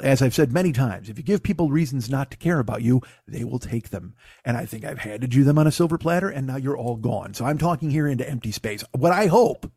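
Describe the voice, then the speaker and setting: A man hosting a podcast with a hoarse, gravelly voice as if gargling broken glass, ranting casually and comically with swearing and self-mockery. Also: mid-range voice, darkish tone, no room sound, studio quality. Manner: ranting, foul-mouthed, self-deprecating. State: hoarse after losing voice. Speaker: podcast host. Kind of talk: casual comedic monologue.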